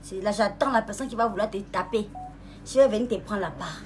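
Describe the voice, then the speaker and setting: A young woman rapper, taunting a rival in a casual live-stream monologue, sweet-talking and mocking and calling her "baby", jumping higher in pitch when she gets worked up. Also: a little hiss or hum. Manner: mocking and sweet-talking, calls the listener "baby", asks "hmm?"; drawls some words slowly, voice jumps higher when angry.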